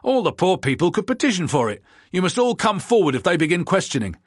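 A man's voice: moderate pace, slightly rough, no room sound, clean studio sound, exaggerated voice. A man doing a heated, argumentative convict. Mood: heated, indignant. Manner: excited, high-pitched and loud.

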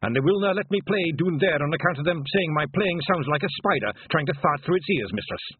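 A man voicing an eager young male pixie warrior with a Scottish accent, speaking in a high, earnest, dutiful way. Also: lively intonation, fairly quick, breathy edge, dry recording. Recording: tinny phone-like sound.

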